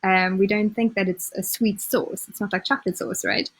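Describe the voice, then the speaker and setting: A woman, a nutrition coach giving casual, chatty advice on a live stream, with many small pauses and upbeat asides. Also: mid-range voice, fairly even intonation, low-quality recording.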